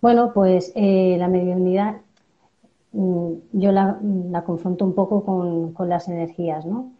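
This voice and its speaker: A woman guest answering interview questions calmly, explaining slowly with little tag questions. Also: lowish voice, narrow, tinny audio. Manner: calm, explains with filler questions. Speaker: guest medium.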